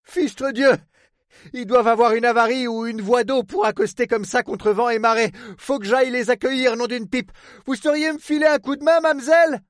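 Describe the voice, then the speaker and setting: A man voicing a gruff, fretful middle-aged male harbor superintendent in an audiobook, speaking bluntly and rustically, full of oaths. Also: very high-pitched, fairly even intonation, brisk, dry recording, studio quality, voice pushed up. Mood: urgent. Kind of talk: audiobook character voice.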